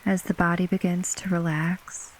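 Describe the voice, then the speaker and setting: A woman narrating a bedtime sleep story as guided relaxation, gently and unhurriedly, with long pauses between short phrases. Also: fairly low pitch, a little hiss or hum, low-quality recording. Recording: steady rain ambience behind voice. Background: rain falling.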